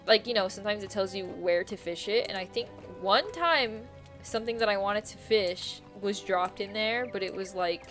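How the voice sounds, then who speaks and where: A young woman talks her way through a game stream in a loose, rambling way, giggling often and swearing now and then. Her voice sits at an ordinary middle pitch, and faint music plays behind her. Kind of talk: casual game stream chat.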